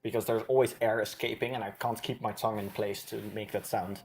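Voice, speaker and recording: A man's voice: fairly low pitch, little pitch movement, fast talker, darkish tone, slight background noise. A man with a lisp who pronounces th as f, chatting casually as he plays a game with friends. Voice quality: lisp, says th as f. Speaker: player reading game events aloud to chat. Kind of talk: casual gaming commentary with friends.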